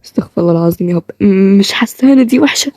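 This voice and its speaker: A woman with an Egyptian Arabic accent voicing a weary, sarcastic young woman in an amateur audio drama, grumbling fast. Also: medium pitch, lively intonation, warm tone, no room sound, lightly acted.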